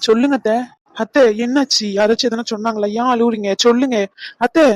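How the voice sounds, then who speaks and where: A woman's voice: a little high, steady tone, fast talker, no room sound, close to an everyday voice. Woman voicing a bold young village woman. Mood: bantering.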